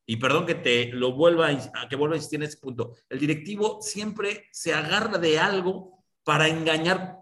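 A man's voice: a little high, moderate pace, few pauses, fairly bright tone. A Mexican man in his fifties, a sports journalist, pressing his point insistently in a debate and repeating the guest's name. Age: 50s.

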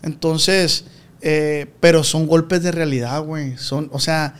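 A man's voice: fairly even intonation, takes it slowly, smooth. Mexican man, slangy and confiding. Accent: Mexican Spanish. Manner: slangy, confiding, drops to a low murmur often. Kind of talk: casual chat.

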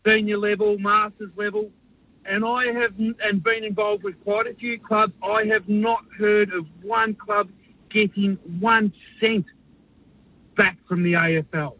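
An Australian man calls a radio show with a blunt grievance. His voice is high and sharp for a man, and the sound is very dry. He talks casually and complains plainly. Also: fairly even intonation, a little slow, no room sound, low-quality recording. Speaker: talkback radio caller. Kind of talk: casual opinionated phone-in talk.

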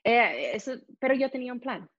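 A young woman with an American accent and native English, telling a lively story as an interview guest and acting out the people in it. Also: fairly high pitch, brisk, no room sound. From United States. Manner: animated, acts out voices in her story. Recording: dull, muffled sound.

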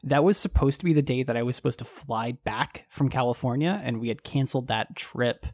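A man's voice: mid-range voice, fairly quick, darkish tone, dry recording, clean studio sound. Wry, hesitant male co-host. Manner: wry, hesitant, many restarts. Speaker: podcast co-host. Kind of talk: casual chat.

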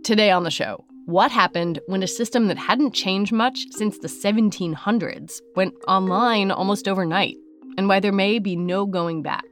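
A woman's voice: mid-range voice, normal speed, fairly bright tone, faint music behind. A woman hosting a podcast, moving between scripted narration and interview questions. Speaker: podcast host.

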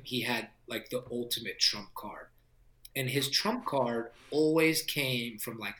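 A man's voice: mid-range voice, reverberant. A man, a film director, telling stories in a casual interview with lots of laughter and fillers. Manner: animated, laughing storyteller with many fillers.

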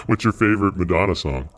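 A man hosting a prank call show through a voice changer, teasing a caller with goofy tangents. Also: fairly bright tone. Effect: voice changer, deep morphed voice. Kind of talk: mocking prank phone banter.

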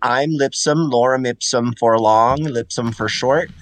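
A guest artist from Puerto Rico, whose first language is Spanish, talks on a casual podcast interview in an unhurried, mid-range male voice with no echo. He rambles, restarting sentences and repeating words.

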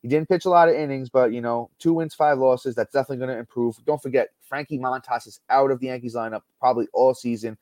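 A man hosts a sports podcast in a relaxed, chatty way, reeling off numbers between fillers and restarts. His voice sits in a middle register with a dry, close sound. He talks from home over a call. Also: medium pitch, fast, hardly any pauses, no room sound. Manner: chatty, stat-heavy, many fillers and restarts. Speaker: podcast host. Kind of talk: casual sports podcast talk.

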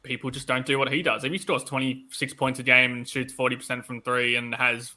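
A man's voice: medium pitch, flat delivery, a little fast, sharp tone. A man co-hosting a casual sports podcast with analytical, conversational talk, his voice affected by tonsillitis. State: tonsillitis-affected voice that comes and goes. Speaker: podcast co-host.

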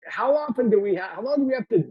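A man on a sports podcast panel ranting in an exasperated way, with halting restarts. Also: extremely high pitch, lively intonation, husky, no echo, muffled recording. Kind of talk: casual sports podcast rant.

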